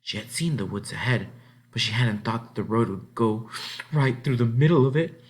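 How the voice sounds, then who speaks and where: Reading a children's book out loud, a man with a mid-range voice tells the story expressively, drawing out words and phrasing things dramatically.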